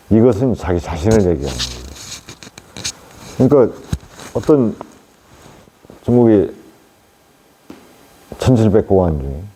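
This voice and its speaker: A male Buddhist monk giving a plain, unhurried dharma talk on meditation to lay listeners, with many fillers and tag questions. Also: low-pitched, warm tone, husky, poor audio.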